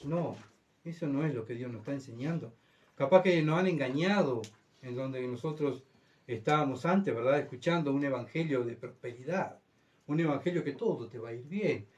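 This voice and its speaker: A man with a Uruguayan accent preaching a sermon as pastor, swinging between loud, urgent outbursts and hushed, low stretches. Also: moderate pace, distant mic. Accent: Uruguayan Spanish.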